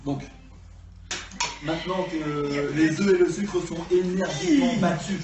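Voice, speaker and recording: A man's voice: sits high, big pitch swings, measured pace. A man co-hosting a casual homemade cooking show with a mock-formal way of talking. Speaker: co-host of an amateur cooking video. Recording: echoey, distant, noisy room.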